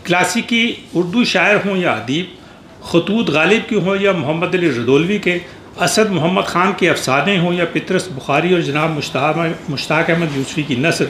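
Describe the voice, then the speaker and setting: A man's voice: a little high, a bit bright. Man giving a formal tribute in an echoey hall. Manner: measured, formal reading with small restarts. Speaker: speaker at a memorial gathering. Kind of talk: formal prepared tribute speech. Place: reception hall at an embassy. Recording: echoey hall with faint background noise.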